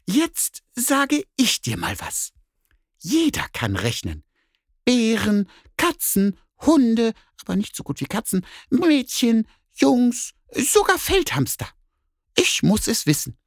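A man putting on a high sassy cat lady. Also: wildly swooping pitch, slow pace, no echo, clean studio sound, full character voice. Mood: boastful. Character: cheeky boastful female neighbor cat.

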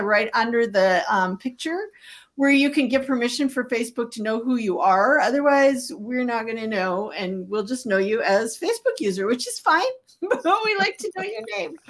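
A woman raised in Canada hosting a casual live-stream interview, chatty and quick to laugh. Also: high-pitched. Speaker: podcast host.

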